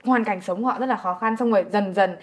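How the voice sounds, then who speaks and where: A woman's voice: medium pitch, fairly quick. A young woman with a northern Vietnamese accent, hosting a conversational interview. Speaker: podcast host interviewing two comedians.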